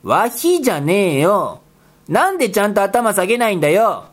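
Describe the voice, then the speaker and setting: A woman playing a gruff, scolding rabbit guy. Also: medium pitch, sing-song, normal speed. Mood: scolding, exasperated. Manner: rough boyish speech, scolding retorts. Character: gruff bossy rabbit guy, exasperated straight man. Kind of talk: comedy skit voice acting.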